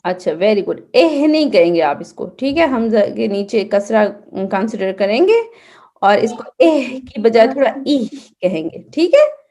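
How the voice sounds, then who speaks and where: A woman's voice: fairly high pitch, big pitch swings, dark tone. A woman teaching children in an online class, patiently correcting their recitation and checking in with them often. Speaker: Quran and Seerah teacher for kids.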